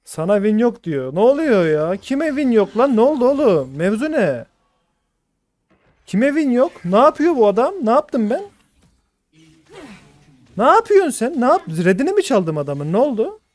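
A man's voice: extremely high pitch, big pitch swings, normal speed, pauses often, darkish tone, no room sound. Exasperated ranting male game streamer. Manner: exasperated, ranting, swears freely; reads out teammates' chat messages. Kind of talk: live gaming commentary.

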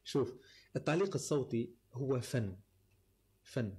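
A voice-over artist with a Tunisian accent appears as a guest in a casual interview, walking through his craft point by point with lots of fillers. His medium-pitched voice is animated, a little mellow, and husky, at a moderate pace.

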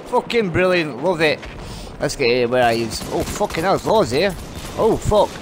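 A man giving excited, foul-mouthed commentary over his shooter gameplay, taunting enemies and laughing. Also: fairly high pitch, slow, heavy background noise. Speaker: gamer narrating his clips. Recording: gunfire and music behind the voice. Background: gunfire and music from the game.

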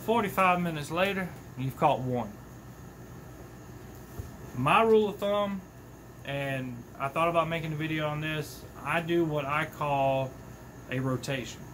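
In a small workshop, a man in his thirties hosts a fishing channel, offering casual, folksy tips to the camera. His voice is fairly high and unhurried, with frequent pauses, and he's chatty and animated, gesturing with his hands. The recording is rough, with slight background noise.

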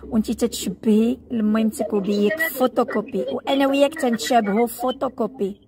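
Woman, Moroccan accent, high voice, consoling, insistent, crowd noise. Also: steady tone, brisk.

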